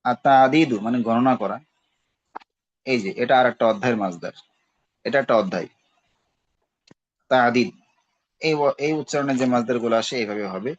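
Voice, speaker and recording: A man's voice: medium pitch, normal speed, long pauses, muffled recording. A man teaching a class on Arabic grammar, patiently repeating each verb form with its meaning and checking in as he goes. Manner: checks in with "ঠিক আছে". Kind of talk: recorded class lesson.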